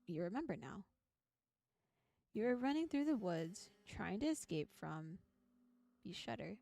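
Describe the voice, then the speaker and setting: Her mid-pitched voice is mellow and sing-song, with vocal fry and a measured pace, as she narrates a visual novel for her stream. She breaks away often for chatty, giggly, playful asides while background music plays.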